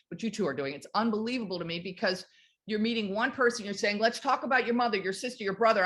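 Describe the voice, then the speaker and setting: A woman's voice: mid-range voice, fairly bright tone. A woman leading a network marketing team, giving a direct, emphatic motivational talk.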